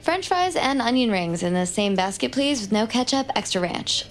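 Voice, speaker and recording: An actress with a fairly high, sing-song voice plays a glib, intense young woman in an audio drama, an awkward true-crime survivor who is socially blunt. Her delivery is naturalistic and moderately paced, the mood glib and insistent, with slight background noise.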